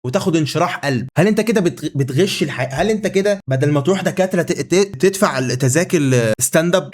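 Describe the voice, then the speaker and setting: A young man with an Egyptian Arabic accent, rambling through a self-mocking comic monologue to the camera, leaping between high and low pitches and trailing off into restarts. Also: darkish tone. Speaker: comedy YouTuber.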